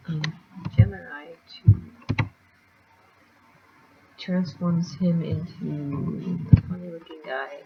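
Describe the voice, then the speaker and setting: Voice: mid-range voice, creaky, lo-fi sound, a little hiss or hum. A speaker casually recapping a comic chapter in a rambling way, with lots of fillers and restarts. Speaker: manga chapter reviewer.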